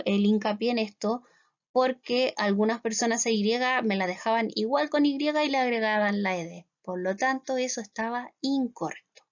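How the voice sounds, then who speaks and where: A Chilean woman with a fairly high voice and a Chilean Spanish accent explains English grammar in a classroom. She's patient, repeatedly asks "¿cierto?" to see if students follow, and stretches English words out slowly; the sound is dull and lo-fi.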